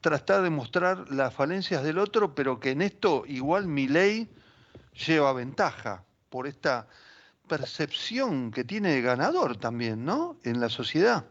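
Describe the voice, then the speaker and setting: Argentine radio host, slightly higher voice. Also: male voice, very animated, measured pace, muffled recording. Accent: Argentine Spanish. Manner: conversational, agreeable, affirming. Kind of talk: radio interview.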